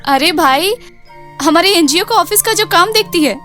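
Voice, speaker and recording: A woman's voice: very high-pitched, animated, moderate pace, sharp tone, faint music behind, heavily acted. A woman playing an earnest village girl. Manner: earnest, rustic dialect, laughs easily. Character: determined village girl grown into art teacher.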